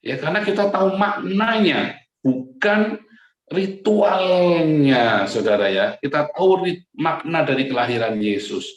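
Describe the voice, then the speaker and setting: A man's voice: a little high, expressive, measured pace. A male pastor giving a chatty sermon, his voice echoing strongly as in a large hall, often turning to his listeners with a tag question. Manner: chatty, keeps addressing listeners as brothers and sisters with a tag "right?". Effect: strong echo like a big church hall. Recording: echoey room sound.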